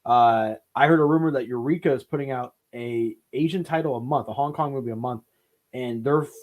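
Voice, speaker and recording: A man's voice: mid-range voice, a little mellow. A man co-hosting a casual chat, playful and joking. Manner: playful, joking, quick to laugh. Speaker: podcast co-host. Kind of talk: casual chat about film releases.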